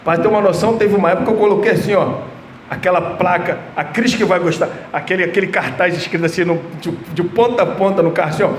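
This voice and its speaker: A man's voice: high voice, quick pace. A man preaching an expository sermon, emphatic and telling personal stories, often repeating himself. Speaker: pastor. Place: church hall. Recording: echoey church room, faint background noise.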